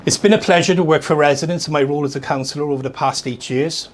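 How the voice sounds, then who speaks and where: A man giving a scripted public address as a local councillor, speaking in a formal, measured way. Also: on the high side. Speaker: local councillor, cabinet member.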